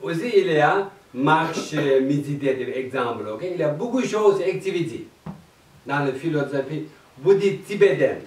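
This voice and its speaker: A man with a Tibetan accent introducing a chant evening to an audience in halting, laughing French. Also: on the high side, a little mellow. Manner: broken French, slow, laughing often. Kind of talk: halting explanatory talk to an audience. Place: meditation centre hall, indoors. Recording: roomy distant hall mic with faint noise.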